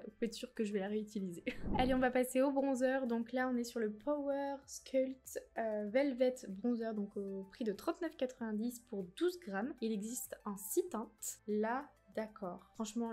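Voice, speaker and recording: A woman's voice: a little high, a little mellow. A woman giving a casual makeup review, chatty and candid, with lots of fillers and frank opinions on price and quality. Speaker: beauty vlogger.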